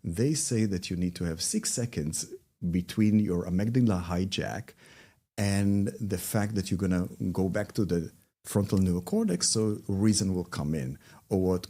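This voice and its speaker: A man with an Israeli accent, a workshop trainer guesting on an interview podcast, telling stories animatedly and acting out quotes. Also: normal speed. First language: Hebrew. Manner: lively, swings pitch widely, acts out quotes.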